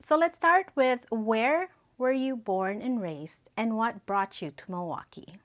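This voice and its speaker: A woman's voice: a little high, unhurried. A woman hosting an interview show, introducing her guest in a formal, announcing way. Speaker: show host.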